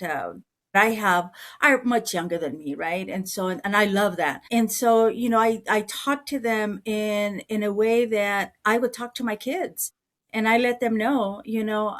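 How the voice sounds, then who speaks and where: Speaking at a medium pitch, this real estate broker, a middle-aged woman from Mexico, responds to an interviewer in an earnest, conversational manner. She tends to repeat words as she gathers her thoughts.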